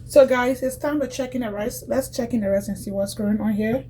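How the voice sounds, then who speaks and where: Mellow chatty woman. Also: a little high, fairly quick, a little hiss or hum, poor audio. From Liberia, West Africa. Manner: chatty, repeats phrases, addresses viewers directly. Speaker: cooking vlogger. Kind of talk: casual cooking demonstration.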